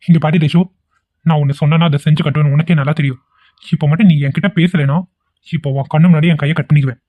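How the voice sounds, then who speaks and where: Cartoon: scheming young man, theatrical pleader, high-ish voice, voiced by a man, lo-fi phone sound. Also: steady tone, brisk, close to an everyday voice. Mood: threatening. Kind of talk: amateur cartoon voice acting. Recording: tinny phone-like lo-fi audio.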